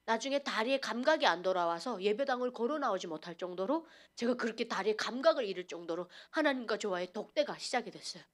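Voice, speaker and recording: A woman from North Korea gives a church testimony in a high voice. Her pitch swings widely. She talks in an animated, dramatic way and acts out each past scene. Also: fast, hardly any pauses. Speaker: testimony speaker at a church service.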